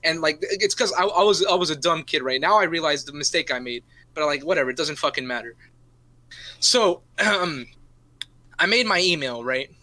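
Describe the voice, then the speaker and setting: A man's voice: on the high side, animated, normal speed, bright, forceful tone. A young man on a podcast, telling a long casual story, swearing often and tagging "right?" onto his sentences. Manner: rambling, swears a lot, keeps adding "right?". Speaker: podcast co-host. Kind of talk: casual chat.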